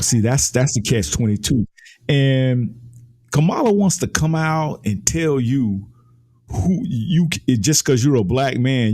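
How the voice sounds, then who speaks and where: A man holding forth in heated political talk, his voice at an ordinary middle pitch. He argues with emphasis and passion and pushes higher and louder as he builds his points. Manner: impassioned, emphatic, rises in pitch when ranting. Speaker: political commentator.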